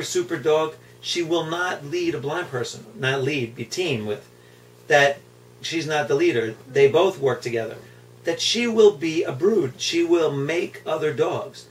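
Recorded by a camera mic a few feet away, a middle-aged guide dog puppy raiser sits on the floor of a room at home and reflects casually to the camera in a fairly high voice. The sound is distant and noisy, with audible hum.

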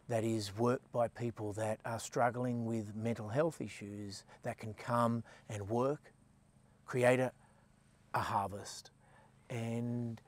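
A man interviewed outdoors in an orchard on a lapel mic, speaking thoughtfully with pauses. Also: medium pitch. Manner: slow, thoughtful, pausing.

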